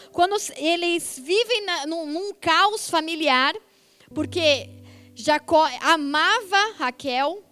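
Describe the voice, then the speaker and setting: High-voiced woman preaching with emphatic energy. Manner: animated, emphatic preaching with quick asides. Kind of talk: sermon.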